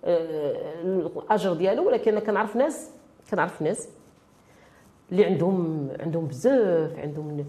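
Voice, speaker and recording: A woman's voice: on the low side, a little fast, dark tone. A woman with a Moroccan Arabic accent in a spontaneous interview, repeating words as she searches for her phrasing. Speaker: interview guest, women's association activist.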